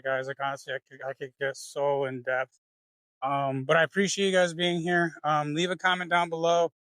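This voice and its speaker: A man's voice: fairly high pitch, a bit bright, no echo, rough recording. A man who works as a real estate agent, walking through market numbers in a casual video with lots of fillers and restarts. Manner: loose, filler-heavy, thinking aloud.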